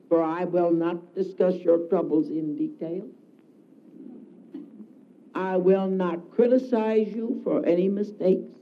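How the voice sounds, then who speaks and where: A man giving a solemn devotional address, declaiming slowly with emphatic repetition, heard on a dull lo-fi recording. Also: high voice. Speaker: spiritual speaker.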